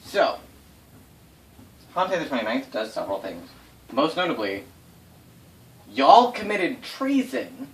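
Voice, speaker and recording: A man with a slightly high voice speaks slowly, leaving long pauses, as he recounts game lore to his players off the cuff. He swears freely and stresses words for dramatic effect, captured by a distant mic in a noisy room.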